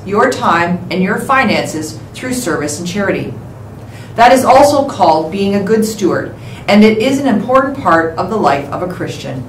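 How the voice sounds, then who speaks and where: A woman reading the morning announcements and prayer over a school intercom, in a steady, measured way. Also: mid-range voice, a little hiss or hum. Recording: echoey, distant intercom sound with faint ambience.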